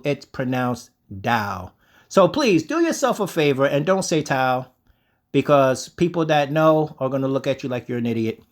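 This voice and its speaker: A man hosting a crypto video, walking viewers through websites on screen in a self-assured, lecturing way, often saying "ladies and gentlemen" and "okay?". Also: mid-range voice. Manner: self-assured, calls himself the sensei. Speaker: crypto channel host. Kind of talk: screen-share crypto commentary.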